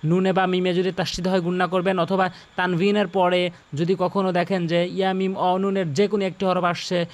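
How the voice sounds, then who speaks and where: High-voiced man, patient recitation tutor, drills words again and again. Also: little pitch movement. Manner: repeats words slowly and corrects common mistakes. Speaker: Quran recitation teacher. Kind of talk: tajweed lesson with demonstrated recitation.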